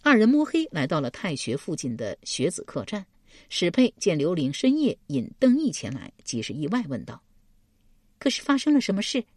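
Woman reading a historical novel aloud, low husky voice, lively delivery, dry close sound. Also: normal speed, no room sound. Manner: expressive storytelling. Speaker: audiobook narrator. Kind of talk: scripted narration.

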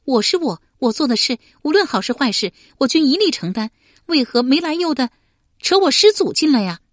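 A woman voicing a proud, quick-tempered young swordswoman who snaps back sharply in an audiobook. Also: sits high, very animated, no room sound, clean studio sound, voice pushed up. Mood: indignant. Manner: sharp, indignant retorts.

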